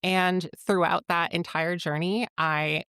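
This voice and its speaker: A woman's voice: fairly low pitch, steady tone, slow, fairly bright tone, smooth, no echo, studio quality. A woman in her twenties from Rhode Island, a guest on a podcast interview, telling her story candidly and laughing often. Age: 20s. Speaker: guest, founder of a platform.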